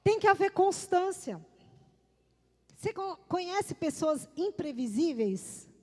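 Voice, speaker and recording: A woman's voice: very high-pitched, big pitch swings, slow, dark tone. A middle-aged woman pastor, preaching emphatically, repeating key words and calling on the congregation. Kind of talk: sermon. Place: church. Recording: long reverb of a church hall.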